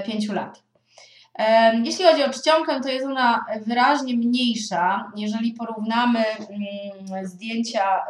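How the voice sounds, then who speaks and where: Woman in her thirties, parent reviewer, measured and thoughtful with frequent pauses; slightly raised pitch. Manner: thoughtful, hesitant, with frequent drawn-out filler sounds. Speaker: parent reviewing children's books. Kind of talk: spoken book review. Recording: echoey room.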